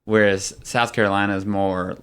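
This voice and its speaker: A man's voice: lowish voice, steady tone, normal speed, clean tone. Joking man in a casual chat. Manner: joking, teasing reactions. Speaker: podcast co-host.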